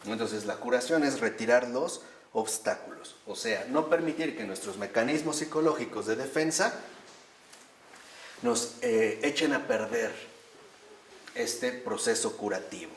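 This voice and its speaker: A man's voice: mid-range voice, lively intonation, a little slow, a little hiss or hum. A man gives an emphatic spiritual talk, asking his audience questions and answering them himself. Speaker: speaker giving a talk on recovery steps and meditation. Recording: echoey room, from far off.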